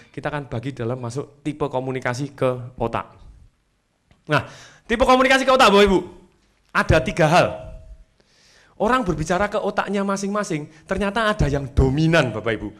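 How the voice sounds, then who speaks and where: A man giving a seminar talk to an audience, animated and acting out angry customers with loud outbursts. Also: on the high side. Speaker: motivational speaker.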